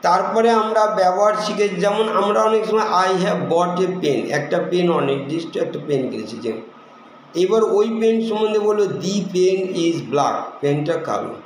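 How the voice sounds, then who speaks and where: Guy teaching english grammar, high voice, lots of examples, super echoey room w/ faint hiss. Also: animated. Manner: explains rules step by step with many examples; reads English examples slowly and deliberately. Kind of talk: spoken English lesson.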